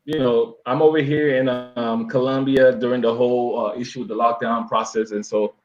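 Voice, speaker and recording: A man from Miami, talking as a guest in a casual, rambling way full of fillers and restarts. His voice sits at a middle pitch. It comes through a dull, lo-fi remote call line. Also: little pitch movement, normal speed. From Miami, USA. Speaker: interview guest, travel YouTuber. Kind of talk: casual conversational storytelling.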